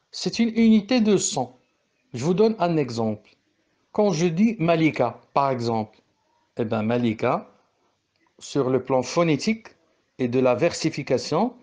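A man's voice: a little high, darkish tone. A man from Morocco teaching a French poetry lesson, explaining step by step and correcting himself as he goes.

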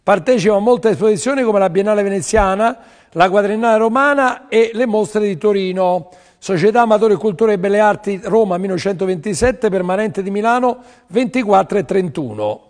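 A man's voice: high-pitched, fairly quick, a little mellow, big-room sound. A man selling paintings on a TV auction, pushing buyers and repeating his lines to urge them on. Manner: pushy, urging, repeats phrases. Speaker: TV art sales presenter. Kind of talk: televised art auction pitch.

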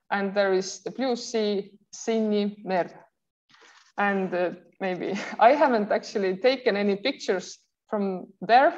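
Over a video call with muffled audio, a woman in her thirties with an Estonian accent delivers an online university lecture. Her mid-range voice has a darkish tone, and she uses frequent filler sounds and restarts.

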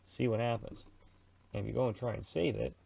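The presenter, a middle-aged Canadian, walks through radio software in a relaxed screen recording, voicing his thoughts in chatty slang. A creaky mid-range voice moves a little fast against a noisy background.

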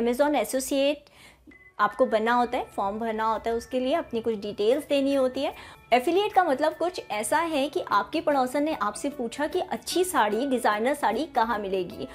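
A woman in her thirties with a high voice talks casually to the camera from a room lined with bookshelves. She addresses viewers directly and pauses often on small fillers. Faint music runs underneath. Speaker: channel host explaining online selling.

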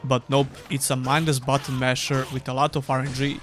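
A man's voice: mid-range voice, level tone, brisk, loud music behind the voice. A young man giving a scripted, dryly sarcastic voice-over review of an old game. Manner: dry, sarcastic. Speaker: gaming YouTuber.

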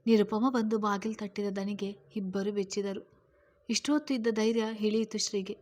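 A woman narrating a serialized story in a steady, measured reading voice. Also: medium pitch.

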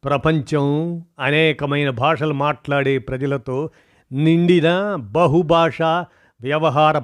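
A man reading an essay aloud in formal, measured narration, phrase by phrase. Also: fairly high pitch.

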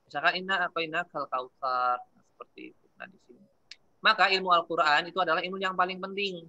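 A man's voice: sits high, steady tone, fast, bright, forceful tone, lo-fi sound. A man, giving a casual classroom religious lesson, telling stories and asking his students questions. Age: 20s. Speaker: teacher.

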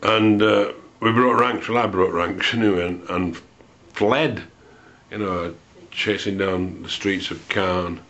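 A man recalls an old memory in a low, unhurried voice, pausing often and slipping in dry, wry asides. The recording is dull and lo-fi, with the top end muffled. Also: steady tone, fairly bright tone. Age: 60s. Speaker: storyteller recalling a student memory. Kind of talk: unscripted spoken memoir.

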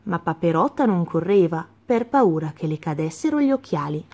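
A woman reading a children's story aloud, clear and gently expressive. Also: fairly low pitch, normal speed.

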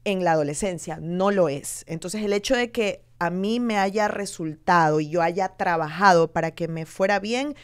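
A woman's voice: lowish voice, moderate pace, hardly any pauses, clean tone. A woman from Ecuador in her thirties, a television presenter being interviewed, telling her story candidly and acting out what people said. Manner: animated storytelling, acting out quoted voices.

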